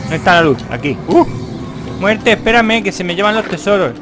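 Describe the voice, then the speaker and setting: A man's voice: high voice, lively intonation, fast, music in the background. A man from doing playful, jokey let's play commentary, clowning in character. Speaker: gaming YouTuber.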